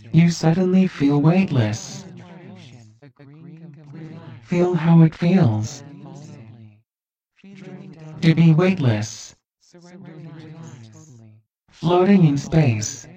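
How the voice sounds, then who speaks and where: Hypnosis guide, very slow, mellow dark tone, distant dull lo-fi recording. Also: medium pitch. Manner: slow soothing repetitive instructions.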